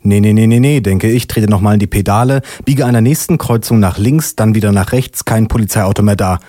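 A man's voice: fairly low pitch, brisk, dark tone, no echo. A man from Leipzig performing a dry, sardonic spoken-word story as a poetry slammer.

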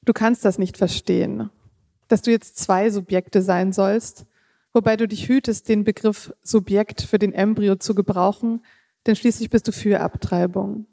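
An author reads her own literary prose in a measured, steady way, occasionally slipping, correcting herself, and adding casual asides. Her mid-range voice is mellow, warm and gravelly rather than bright. The recording is dry and close, with no room echo.

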